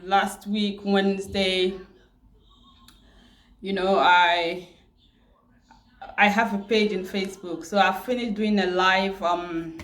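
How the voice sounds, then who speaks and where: Nigerian woman vlogger, grieving and tearful, halting delivery, mid pitch, echoey home room. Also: a bit bright. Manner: halting, repeats words and restarts often. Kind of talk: personal storytelling. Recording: roomy echo.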